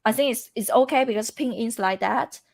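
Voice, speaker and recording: Woman explaining tones in halting English. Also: a little high, gravelly. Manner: halting, repeats words, non-native English phrasing. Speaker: Chinese teacher co-hosting a live lesson. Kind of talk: casual live-stream teaching chat.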